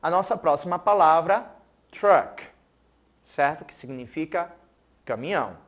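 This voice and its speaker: An English teacher giving a recorded school TV lesson, checking in with pupils often and saying words slowly for them to repeat. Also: mid-range voice, expressive. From Pernambuco, Brazil. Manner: keeps checking in with "certo?" and "né?".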